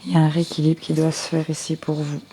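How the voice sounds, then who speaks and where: A tarot card reader with a low, level voice gives a general reading for viewers through a close headset mic amid background noise. She's described as a fast talker yet speaks unhurriedly, hesitating and restarting often.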